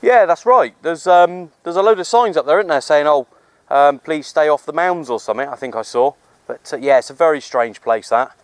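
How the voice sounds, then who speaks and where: This amateur radio operator speaks fairly quickly in a highish voice, chatting informally with matey slang as he vlogs outdoors on a hill. Outdoor background noise comes through clearly.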